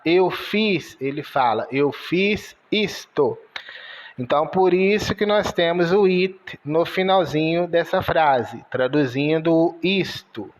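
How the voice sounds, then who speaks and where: Slow, careful teacher, man. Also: high-pitched. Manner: slow, spells out sounds letter by letter. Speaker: English teacher. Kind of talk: video lesson.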